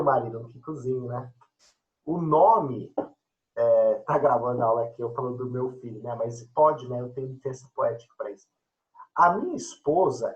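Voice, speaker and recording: A man's voice: medium pitch, muffled recording. A man teacher chatting casually and joking with his students during an online class.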